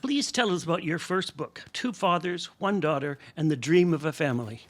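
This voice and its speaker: A man's voice: a little high, lively intonation, normal speed. A male reporter asking polite, scripted questions for a television segment. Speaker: reporter and host. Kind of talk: broadcast reporting.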